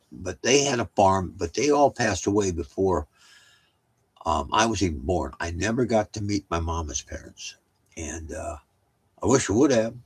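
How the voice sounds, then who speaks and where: A man's voice: low-pitched, husky, low-quality recording. An older man telling family stories at home in a rambling, casual way, with many restarts and side remarks. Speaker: storyteller.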